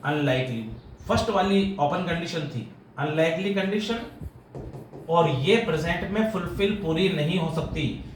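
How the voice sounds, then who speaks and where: A man with a fairly high voice, teaching grammar with an Indian English accent. He works through the rules step by step, firing questions at his students as he goes. The room sounds roomy and echoey, with a faint hiss underneath. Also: a little slow. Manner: explains step by step, quizzes students with questions, calls them "beta". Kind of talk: classroom grammar lesson. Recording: echoey room with light background noise.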